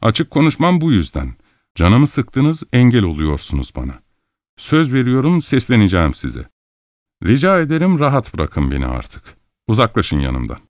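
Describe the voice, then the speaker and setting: A man's voice: mid-range voice, wildly swooping pitch, normal speed. An irritable young man, curt and snappish, his voice jumping up and down as he brushes someone off, as a male audiobook reader puts him on. Dry, close sound with no room echo. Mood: irritated.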